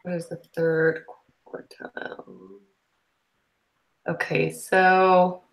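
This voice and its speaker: A woman's voice: on the low side, flat delivery, very slow, echoey room. A young woman, a student, chatting and asking questions on a video call while working through homework problems with others. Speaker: student in a study group. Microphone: computer mic on a video call.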